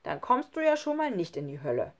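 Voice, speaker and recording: Eine Frau, die in einem Hörbuch einen ernsthaften, frommen kleinen Jungen spricht. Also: female voice, medium pitch, sing-song, a little fast, fairly bright tone. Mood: wondering. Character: earnest, pious little boy.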